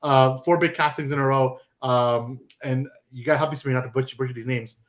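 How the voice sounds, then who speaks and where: A man's voice: medium pitch, steady tone, brisk. A young man hosting a casual movie chat on a stream, joking and chatty with lots of fillers. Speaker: podcast host.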